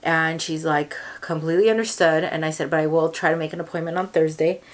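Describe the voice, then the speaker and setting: Young woman, Californian accent, slightly low voice, personal story to camera, emotional, rambling, lots of fillers. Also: steady tone, fast talker. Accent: Californian English. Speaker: vlogger.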